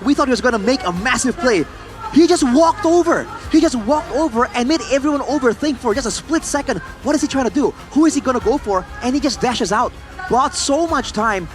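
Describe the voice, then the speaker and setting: A man giving color commentary on an esports match, emphatic and dramatic. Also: very high voice. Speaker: esports caster.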